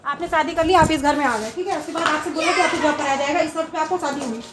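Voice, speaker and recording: A woman's voice: sits high, quick pace, heavy background noise. A young woman in a heated family dispute, insistent and pleading, repeating her points again and again. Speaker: wife in a marital dispute. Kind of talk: heated argument. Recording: echoey room with a crowd around.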